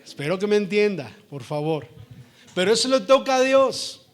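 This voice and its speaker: A male pastor delivers a lively sermon in church. His voice sits high for a man, and he keeps turning to the congregation for amens and agreement. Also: normal speed.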